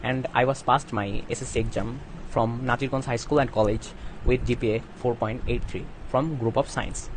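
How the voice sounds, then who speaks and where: A man's voice: medium pitch, fairly even intonation, normal speed, a little hiss or hum, low-quality recording. A young man from Bangladesh with a Bangladeshi accent, reciting a careful self-introduction in simple English as a student applicant.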